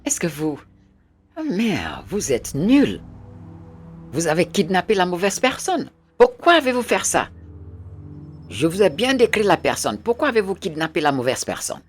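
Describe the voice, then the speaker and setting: A man's voice: lowish voice, sing-song, a little slow, soft background music. A man dubbing a stern, domineering man who gives curt orders in a film. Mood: furious. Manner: commanding, curt. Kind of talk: French film dub.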